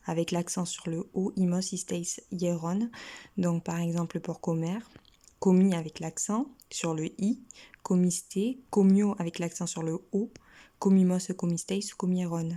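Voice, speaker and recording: A woman with a French accent teaches a casual language lesson, slowly listing verb endings one by one. Her voice is mellow and sits a little low, and she often drops into a soft half-whisper as she recites.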